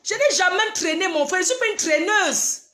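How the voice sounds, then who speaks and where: A woman's voice: very high voice, lively intonation, a little fast, bright, forceful tone, reverberant. A woman, ranting on a livestream and scolding her rivals directly. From Cameroon. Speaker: livestream host. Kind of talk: heated livestream rant.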